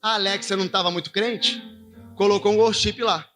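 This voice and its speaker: A man's voice: sits high, steady tone, a little fast, pushed and bright, soft background music. A married man preaching a sermon, telling a story to his congregation in a conversational way and calling listeners brother and pastor. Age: adult, married father.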